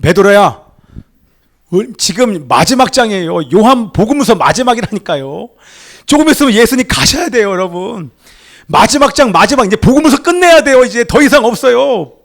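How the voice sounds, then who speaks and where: A male pastor preaching an animated sermon, often questioning his congregation. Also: extremely high pitch, brisk, creaky.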